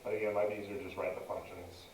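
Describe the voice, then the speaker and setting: A man's voice: low voice, flat delivery, racing, darkish tone, echoey room, a little hiss or hum. A man teaching a math lesson, dictating each entry step by step as he narrates a calculator demonstration.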